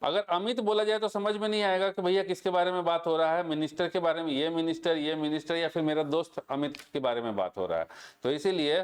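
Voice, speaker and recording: A young Indian man teaching biology in an online lecture. He reads English lines slowly, explains them in Hindi, and keeps checking that students follow. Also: on the high side, smooth. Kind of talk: online exam-prep lecture.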